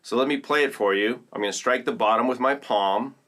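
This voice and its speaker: A man from Oakland, California, hosts a casual percussion tutorial, explaining instruments to viewers with upbeat enthusiasm. His mid-range voice is fairly bright and moves fairly quickly.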